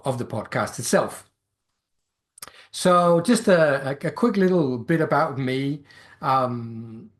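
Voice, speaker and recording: A middle-aged Danish man hosts a solo life-coaching podcast in English, his second language, speaking with a Danish accent in a voice on the high side. He sounds halting and reflective, hesitating often, restarting sentences, and filling pauses with "um" and "uh."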